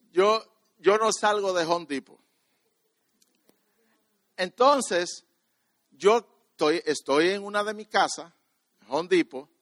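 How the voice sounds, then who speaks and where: A man preaching a sermon, telling a personal story, often repeating and restarting words and swinging between quiet and loud. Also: a little high, no room sound.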